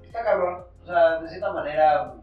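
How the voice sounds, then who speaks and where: A man's voice: on the high side, moderate pace. A man with a Mexican accent chatting casually and with slang as a podcast co-host. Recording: muffled, very echoey room, distant mic, music.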